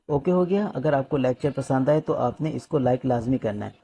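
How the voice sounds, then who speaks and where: A young adult man from Pakistan with a Pakistani accent, teaching English vocabulary and reading newspaper phrases slowly before explaining them in Urdu. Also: medium pitch, dark tone, breathy edge.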